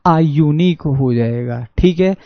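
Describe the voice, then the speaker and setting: Man, haryanvi accent, english teacher, fairly high voice, dull dry lo-fi sound. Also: creaky, no echo. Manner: reads English sentences slowly, asks and answers his own questions. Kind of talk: online exam-prep class.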